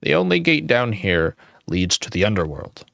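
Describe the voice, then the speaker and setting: A man voicing a frail, ancient male ghost noble in a thin, high, quavering voice. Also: big pitch swings, normal speed, creaky, fairly bright tone, no echo, clean studio sound, heavily acted. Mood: solemn, quavering.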